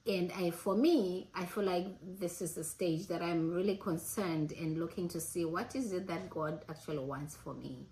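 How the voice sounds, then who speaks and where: A woman in her late forties talking earnestly and reflectively to her audience, pausing and restarting as she gathers her thoughts. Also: fairly low pitch, mellow, slight background noise, rough recording. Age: 40s. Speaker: host. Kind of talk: reflective casual talk.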